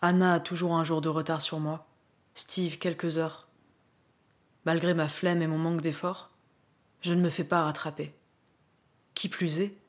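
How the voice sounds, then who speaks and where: Low, flat-voiced woman narrating a diary. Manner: subdued, reflective, weary. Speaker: narrator of her own bikepacking race diary. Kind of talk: scripted first-person voice-over narration.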